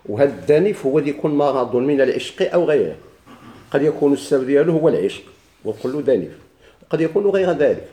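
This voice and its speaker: Fast, mellow Moroccan male teacher. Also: mid-range voice, very animated. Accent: Moroccan Arabic. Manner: asks the class questions and answers them himself. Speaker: grammar teacher. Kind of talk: classroom grammar lesson. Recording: echoey room.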